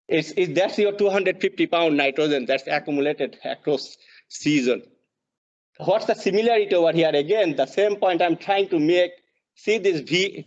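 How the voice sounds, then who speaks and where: A man from Bangladesh with a Bangladeshi accent delivers an extension lesson over slides, pausing often on fillers and restarting phrases. His voice sits fairly high for a man. The audio is dull and lo-fi, as from an online meeting. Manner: halting, frequent uh fillers and restarts. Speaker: extension soil fertility specialist.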